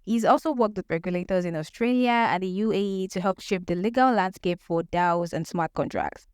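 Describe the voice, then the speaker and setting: A woman's voice: mid-range voice, brisk, a little mellow, clean tone, no echo, studio quality. A woman hosting a podcast, introducing her guest in an upbeat, enthusiastic way. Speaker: podcast host. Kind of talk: scripted podcast intro and interview.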